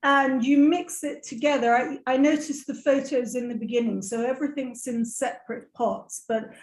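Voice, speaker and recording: Enthusiastic woman translating food talk, high and slow, echoey room on a call. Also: fairly even intonation. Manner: enthusiastic, repeats and restates. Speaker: interpreter and co-presenter. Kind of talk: casual chat, translating. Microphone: video call.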